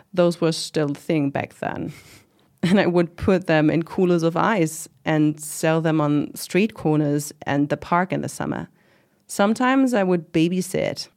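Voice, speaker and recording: A woman's voice: low-pitched, darkish tone. A woman playing a proud middle-aged commune organizer in an interview drama, talking in a casual, reflective, lightly wry way. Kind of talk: conversational oral-history interview acting.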